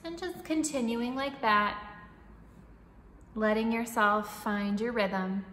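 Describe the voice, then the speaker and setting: A woman leading a guided breathwork meditation in a soothing, instructing manner, with long pauses and audible breathing and sighs. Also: a little high, a bit bright. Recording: echoey reverberant room, faint background noise.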